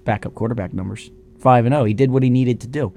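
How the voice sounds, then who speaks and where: A man co-hosting a casual sports talk show, animated and opinionated as he reasons aloud. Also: mid-range voice, quick pace, a little hiss or hum. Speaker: sports radio co-host.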